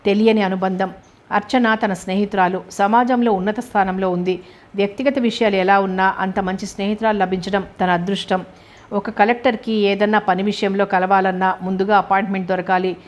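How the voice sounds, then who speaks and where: Woman audiobook narrator, steady and level, mid-pitched. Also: muffled recording. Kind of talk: scripted narration.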